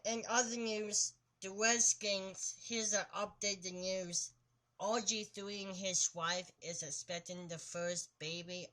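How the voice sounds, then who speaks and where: Female sports chat co-host, unhurried, crisp bright tone, short simple remarks. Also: mid-range voice, steady tone, rough recording. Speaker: sports talk show co-host.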